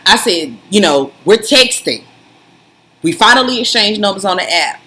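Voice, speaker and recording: A woman's voice: medium pitch, animated, normal speed, bright, forceful tone. A young adult woman co-hosting a casual chat, with teasing, laughing banter. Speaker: co-host.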